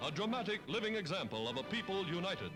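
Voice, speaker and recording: Over orchestral music on an old film soundtrack, an American man declaims a scripted 1940s newsreel with dramatic emphasis. His high voice has a sing-song quality and a quick pace.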